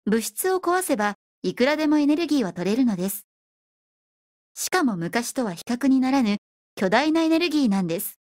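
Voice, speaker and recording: A woman voicing a calm, self-assured female professor from the future who explains things politely in an audiobook reading. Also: high voice, dry recording, studio quality. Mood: explaining. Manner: polite explaining, brisk refusals.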